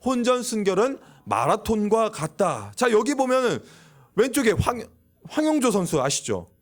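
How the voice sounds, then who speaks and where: A youth pastor with a high-pitched voice speaks at normal speed while preaching a youth sermon in a church sanctuary. He is lively, putting on voices for the people he quotes and asking the listeners questions.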